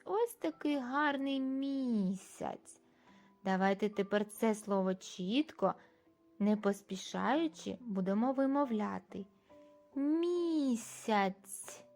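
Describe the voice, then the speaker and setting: A woman speech therapist teaching young children, slowly repeating words in a clear, drawn-out, sing-song way. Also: medium pitch, darkish tone.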